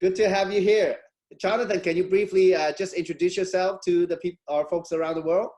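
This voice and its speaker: The webinar host, a middle-aged man from Hong Kong, talks over a video call in a high, somewhat mellow voice that's brisk with fairly even intonation. His chatty delivery is packed with fillers, restarts and frequent laughter.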